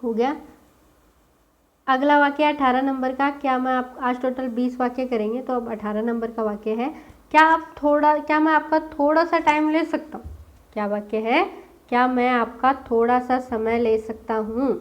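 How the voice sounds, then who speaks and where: A woman teaching a spoken English lesson. She asks the class questions and repeats each English sentence slowly, word by word. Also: high-pitched, steady tone, poor audio.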